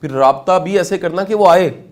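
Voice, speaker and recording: Questions for the audience run through this animated motivational lecture from a middle-aged Pakistani man with a high-pitched voice.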